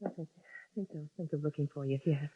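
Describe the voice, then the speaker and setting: In a 1950s radio drama with dull, lo-fi, very noisy sound, an actress with a low voice talks fast, lightly acted. She plays a frightened, lonesome young woman pleading urgently in a confiding mood.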